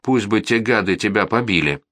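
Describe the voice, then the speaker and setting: Male reader playing an impulsive, furious boy, shouting, higher than his low voice. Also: expressive, moderate pace, no room sound, studio quality. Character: hot-headed boy, eager and furious.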